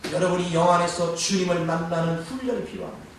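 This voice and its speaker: Preaching at a quick pace in a church sanctuary, a pastor with a high-sitting voice asks his congregation rhetorical questions. The echoey hall is recorded from afar, with slight background noise.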